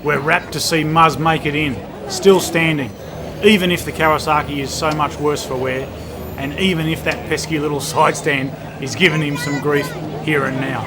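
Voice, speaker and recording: A man's voice: fairly high pitch, fairly even intonation, normal speed. A man reading a scripted, colloquial narration for a motorsport report. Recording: clear outdoor vehicle noise behind.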